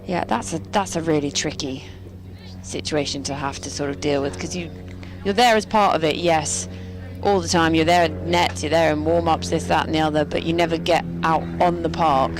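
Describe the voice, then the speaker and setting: A woman's voice: sits low, fairly even intonation, normal speed, over music. A woman co-commentating on a cricket match from a commentary box, giving chatty analysis of the players with light jokes. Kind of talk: sports colour commentary. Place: commentary box at a quiet ground.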